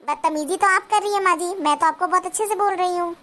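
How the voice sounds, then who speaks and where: A woman voicing a sharp-tongued young daughter-in-law who talks back in a cartoon. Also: very high-pitched, fast. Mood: defiant. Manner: retorting, argumentative. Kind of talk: cartoon voice acting.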